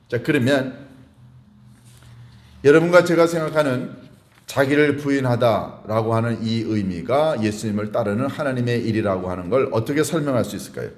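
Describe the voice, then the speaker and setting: A man pastor giving a sermon, explaining word meanings and putting questions to his congregation, slowing down to stress key words. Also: mid-range voice. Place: church sanctuary. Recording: echoey church hall.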